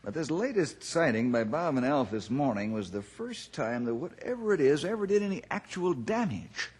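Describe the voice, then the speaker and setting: A confident ranger hero from an old radio adventure. His voice sits fairly high for a man and moves around a lot, with a husky edge. He is measured and reassuring, clearly in charge. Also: very animated, a little mellow. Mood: calm, thoughtful. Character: confident calm ranger leader, adult man, brave and decisive.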